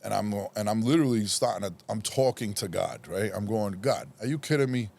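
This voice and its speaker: Gravelly-voiced man spinning a story. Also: on the low side, a little fast. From Rhode Island, USA. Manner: animated, acts out quoted voices, self-deprecating. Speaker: podcast guest. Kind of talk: casual storytelling.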